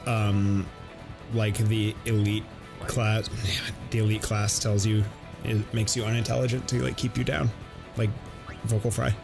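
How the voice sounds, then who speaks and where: A man's voice: fairly low pitch, little pitch movement, unhurried, gravelly. A man casually chatting while playing a video game, rambling and filling his speech with "like". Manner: rambling, heavy use of "like" fillers. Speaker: let's play host. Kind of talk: casual gameplay banter. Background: game music.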